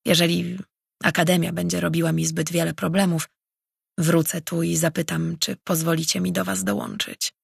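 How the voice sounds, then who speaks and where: An earnest, measured male mage, as an audiobook narrator reads him. The voice is heavily gravelly and husky, with a dry, close sound. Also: medium pitch, no room sound. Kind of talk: audiobook character reading.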